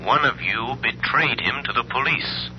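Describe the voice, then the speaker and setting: An actor playing a stern, mysterious crime-fighting vigilante in 1930s radio style, deliberate and theatrical. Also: male voice, mid-range voice, faint music behind, close to an everyday voice. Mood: probing, accusing. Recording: scratchy, dull 1930s radio recording.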